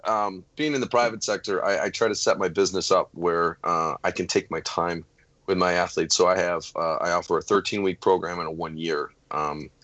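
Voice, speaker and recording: A man's voice: low voice, fairly even intonation, brisk, a bit bright, no room sound. A man who says he is losing his voice, talking loosely as a strength coach on a podcast panel, with many fillers. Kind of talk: casual panel discussion.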